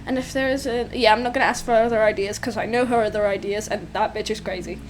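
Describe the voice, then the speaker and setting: A woman's voice: medium pitch, steady tone, fast. A young woman giving casual gameplay commentary, blunt, sweary and exclamatory as she talks through what is on screen. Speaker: gameplay streamer. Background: faint game music.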